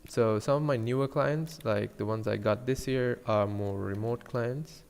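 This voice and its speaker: A man's voice: medium pitch, measured pace, gravelly, darkish tone, clean tone, big-room sound. A young man from Sri Lanka, a 3D designer chatting casually and joking with viewers while he models on a live stream. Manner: rambling, joking with chat viewers.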